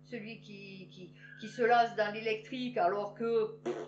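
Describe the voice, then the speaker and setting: A woman reading news headlines aloud and adding sarcastic, animated asides to her viewers. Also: medium pitch, unhurried. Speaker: news commentator. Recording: roomy, dull lo-fi with faint hum.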